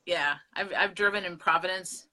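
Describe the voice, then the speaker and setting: A middle-aged woman from Pennsylvania co-hosting a casual vlog conversation, candid and animated. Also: on the low side, normal speed. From Pennsylvania, USA. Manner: candid, animated storytelling with laughs. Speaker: co-host.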